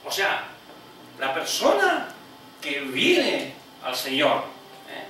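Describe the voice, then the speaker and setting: A man, an evangelist preaching a sermon emphatically, often rising high on repeated phrases and adding "¿eh?" asides. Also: wildly swooping pitch, extremely slow, sharp tone, slight background noise. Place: church. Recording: echoey hall, heard from a distance.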